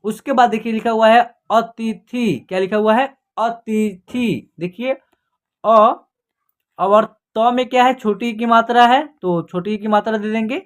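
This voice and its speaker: A woman's voice: fairly high pitch, moderate pace, hardly any pauses. A woman teaching beginners to read in an online class, spelling out each letter and then asking and answering her own questions about how the word sounds. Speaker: Hindi reading teacher. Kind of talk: online beginner reading lesson.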